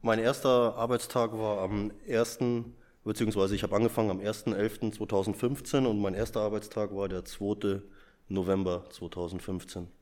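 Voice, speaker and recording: A man's voice: fairly low pitch, little pitch movement, moderate pace, a little mellow. A man, a school caretaker, giving informal interview answers and telling anecdotes.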